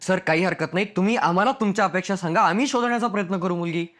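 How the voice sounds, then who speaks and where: A man playing a podcast host in a comic sketch, calmly interviewing and soothing his guest. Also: high-pitched, racing. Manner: mock-soothing, playful interviewer.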